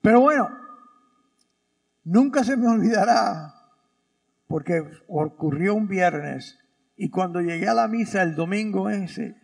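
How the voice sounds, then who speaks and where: A middle-aged man, a priest giving a sermon and telling a story, with pauses for emphasis and voices for the people he quotes. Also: sits high, expressive, gravelly. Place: church. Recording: long church reverb.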